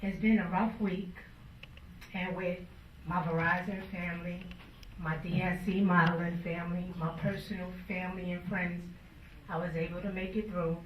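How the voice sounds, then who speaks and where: A woman's voice: lowish voice, level tone, normal speed, muffled recording, slight background noise. A woman, the youngest daughter, giving a funeral tribute to her father and holding back tears. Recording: roomy, from far off.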